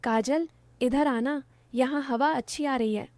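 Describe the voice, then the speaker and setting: A woman's voice: sits high, unhurried, darkish tone, dry recording. A woman voicing a teasing young village guy.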